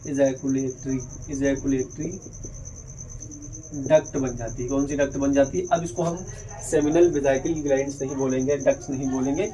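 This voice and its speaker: A man's voice: mid-range voice, fairly even intonation, fairly quick, dark tone, slight background noise, low-quality recording. A man teaching a biology lesson at a board, explaining step by step and asking questions he then answers himself. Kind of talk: whiteboard lesson.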